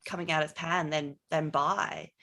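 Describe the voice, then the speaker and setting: A woman, a podcast guest telling stories in animated, laughing chat. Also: sits low, a little slow. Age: 20s. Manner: animated storyteller, laughs often. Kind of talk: casual interview chat.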